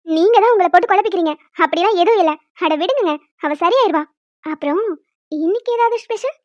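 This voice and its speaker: A woman's voice: extremely high pitch, lively intonation, brisk, no echo. A woman voicing a soothing cartoon wife. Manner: soothing, lightly amused. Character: calm, coaxing young wife and mother. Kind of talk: cartoon voice acting. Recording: dull lo-fi dry recording.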